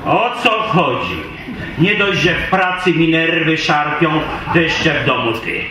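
A man's voice: fairly high pitch, expressive, unhurried, crowd noise. A man playing a weary husband who patiently coaxes and soothes a demanding wife in a live stage sketch. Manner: patient, coaxing, often strained and raised. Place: stage in a hall before an audience. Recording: echoey hall, mic far off, audience laughter.

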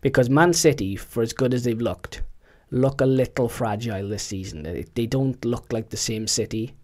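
A young man, chatting casually about football as a podcast co-host, animated and slangy. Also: medium pitch, moderate pace.

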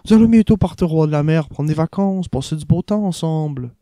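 A man's voice: a little high, fairly quick, dark tone, no room sound, studio quality, pitched above the performer's own voice, close to an everyday voice. A man voicing an earnest young man in love with his companion. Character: German man in love, earnest, a bit puzzled.

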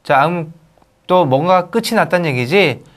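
A man teaching English grammar in an online lecture, firing rhetorical questions at his students, stressing key points in bursts and reading English example sentences slowly and carefully. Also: a little high, expressive.

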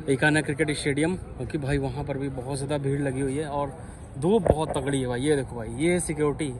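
A young vlogger with a Lucknow Hindi accent walks around with a handheld camera outside a stadium and through a crowded ticket hall, chatting excitedly and calling viewers "bhai." His voice is fairly high, and the audio is poor, swamped by crowd and traffic noise.

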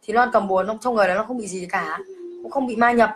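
A woman's voice: mid-range voice, fast. Emotional woman telling a ghost story. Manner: emotional, talks about herself by name. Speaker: livestreamer. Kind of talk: live-streamed personal ghost story. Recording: faint background noise.

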